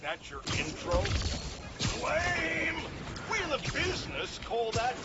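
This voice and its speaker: A sneering radio talk host. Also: male voice, very high voice, wildly swooping pitch, slow, muffled recording, heavy background noise, exaggerated voice. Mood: mocking. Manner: scornful, mocking. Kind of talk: game voice acting.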